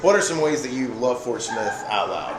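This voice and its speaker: A man's voice: mid-range voice, lively intonation, moderate pace. Upbeat male host in an echoey cafe. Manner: upbeat, affirming interviewer. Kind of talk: casual interview chat. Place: coffee shop. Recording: echoey cafe with crowd noise.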